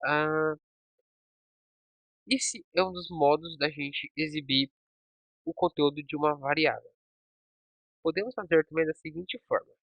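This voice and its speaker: A man with a fairly high voice walks through code on screen, checking in often with "ok?" as he goes. The sound is dry and a little dull, like a lo-fi desk mic close to a computer. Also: measured pace, pauses often, no room sound. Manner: talks through code step by step, checking with "ok?" and "certo?". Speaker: programming teacher. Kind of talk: screen-recorded coding tutorial.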